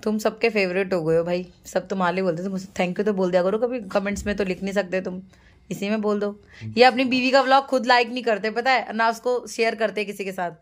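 A woman's voice: mid-range voice, steady tone, a little fast. Woman, home vlogger, chatty and playful, from Uttarakhand, talks to camera indoors. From Almora, Uttarakhand, India. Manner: chatty and playful, coos in baby talk to her pet. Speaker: vlogger and housewife. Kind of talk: casual home vlog chat.

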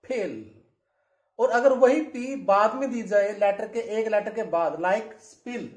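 A man's voice: sits high, a little mellow, roomy sound. A man with an Indian accent teaching English pronunciation, asking questions and repeating each word several times for drill. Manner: repeats words slowly for drill, asks questions. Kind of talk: classroom-style lesson.

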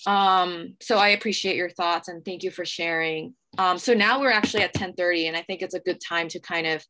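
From a small room at home, a young Hong Kong woman moderates an artist talk over a video call. Her voice is on the low side with a sharp tone, and she speaks hesitantly, putting herself down.

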